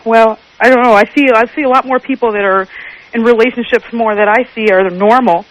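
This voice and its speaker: A woman's voice: on the high side, steady tone, a little fast, poor audio. A woman calling in to a radio show, arguing her side and defending herself. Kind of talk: debating on a call-in show.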